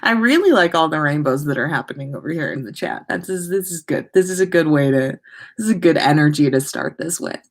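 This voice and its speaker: A woman with a deep, expressive voice hosts a livestream, speaking a little fast as she chats casually. She reads listener stories aloud with plenty of expression.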